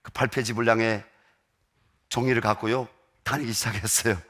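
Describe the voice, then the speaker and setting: A man in his forties preaching a sermon as a pastor, swinging from loud high outbursts to hushed near-whispers. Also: steady tone, brisk. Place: church sanctuary.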